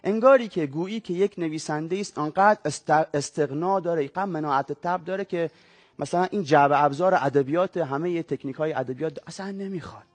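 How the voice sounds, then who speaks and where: A man being interviewed as a guest, who talks about books and film in a reflective, measured way and reads aloud. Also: fairly high pitch, no echo. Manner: reflective, measured literary talk. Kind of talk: talk show interview and reading aloud.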